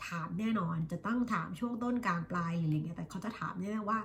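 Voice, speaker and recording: A Thai woman in her thirties, an English teacher, talking casually about her studies and slowly drilling the pronunciation of English words. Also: lowish voice, a little hiss or hum. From Thailand. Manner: chatty, self-reflective, drills words slowly by repeating them. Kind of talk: casual vlog-style lesson.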